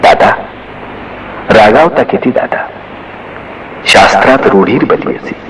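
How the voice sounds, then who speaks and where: A man voicing a gentle, wise young boy who speaks in a soft, tender and patient way. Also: fairly low pitch, very animated, normal speed, recorded from a distance, a little hiss or hum, rough recording. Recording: music behind the voice.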